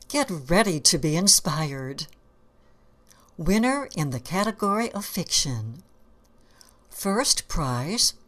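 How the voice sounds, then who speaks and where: A woman announcer giving a scripted introduction in a measured, promotional manner. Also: deep voice, fairly bright tone. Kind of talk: scripted narration.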